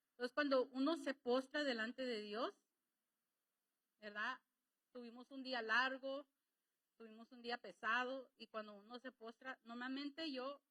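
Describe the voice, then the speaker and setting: A woman's voice: fairly high pitch, sharp tone, low-quality recording. A woman preaching a sermon in Latin American Spanish, conversational and emotional, with rising emphasis.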